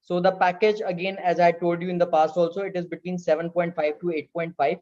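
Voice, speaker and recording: A man with an Indian accent moderating an online presentation as host, in a halting way. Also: high-pitched, little pitch movement, a little mellow. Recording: dull, lo-fi video call audio.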